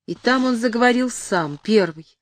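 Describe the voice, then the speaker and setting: A woman's voice: a little high, expressive, moderate pace, no room sound, clean studio sound, pitched above the performer's own voice, close to an everyday voice. A woman reading the part of a distressed, indignant noblewoman full of reproach. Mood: reproachful. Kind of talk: audiobook reading.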